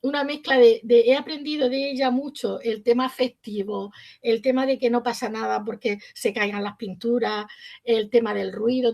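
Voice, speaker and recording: A woman's voice: a little high, vocal fry, highs cut off. Storytelling woman teacher. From Spain. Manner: storytelling, acts out quoted dialogue. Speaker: primary school teacher. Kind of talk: reflective interview answers.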